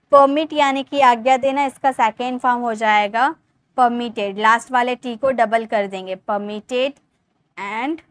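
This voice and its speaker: A young woman teaching English grammar in Hindi, explaining step by step, repeating words slowly and asking her class questions. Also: on the high side, dry recording. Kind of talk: Hindi-language grammar lesson.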